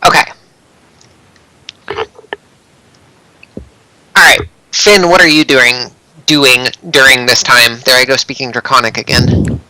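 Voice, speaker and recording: A man narrating as dungeon master in a tabletop game, talking in a relaxed, conversational way with fillers. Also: medium pitch, slow pace, long pauses, slight background noise, low-quality recording.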